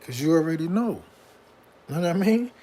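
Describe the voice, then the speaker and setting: A man's voice: a little high, lively intonation, brisk, mellow. A middle-aged man from Brooklyn with a New York accent, an independent hip hop artist chatting casually on a livestream in a slangy, rambling way outdoors. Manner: slangy, rambling, keeps asking "you know what I'm saying". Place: outdoors near a bridge.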